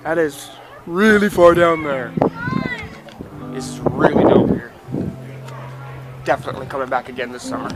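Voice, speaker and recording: A man in his thirties vlogging a school field trip, relaxed and easily impressed, talking into a handheld camera outdoors and in a cave. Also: on the high side, moderate pace, long pauses, loud music behind the voice, rough recording. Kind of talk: casual vlog narration. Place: outdoors on a mountain and inside a cave. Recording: busy crowd noise around.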